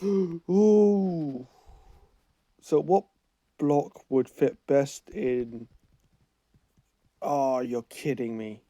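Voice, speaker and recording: Extremely slow, with long pauses, this gaming channel host speaks in a slightly high, warm voice, a cold wearing his voice away. He rambles as he plays, thinking out loud and correcting himself. The recording is dry.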